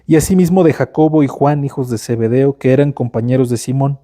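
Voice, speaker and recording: A man with a Mexican Spanish accent preaching to his congregation in a relaxed, chatty way, full of slang and tag questions. His voice is very dark and mellow, sitting at a middle pitch. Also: fairly quick. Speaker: pastor. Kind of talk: sermon.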